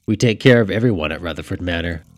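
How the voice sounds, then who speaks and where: A man's voice: low voice, fast talker, lightly acted. A man voicing a practical former butcher who talks plainly and levelly.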